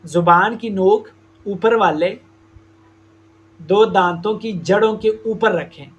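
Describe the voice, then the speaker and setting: A man teaching Quran recitation, explaining slowly and stretching out demonstrated sounds. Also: high voice, muffled recording. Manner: slow, deliberate explanation with drawn-out demonstrated sounds. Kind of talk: tajweed lesson.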